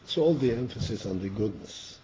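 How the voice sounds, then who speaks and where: An older male rabbi gives a slow, halting class, repeating words and clearing his throat. His voice is mellow and lowish. The recording is dull and lo-fi with a faint hiss. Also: animated. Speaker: rabbi teaching Chassidus.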